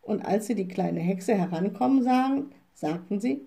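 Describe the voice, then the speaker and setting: A woman reading a children's story aloud in a slow, expressive storybook manner. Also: medium pitch, vocal fry.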